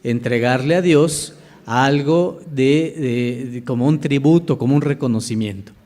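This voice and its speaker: A man's voice: mid-range voice, a little slow, a little mellow. A man, a minister, preaching a sermon in church, asking the congregation questions and reading scripture aloud.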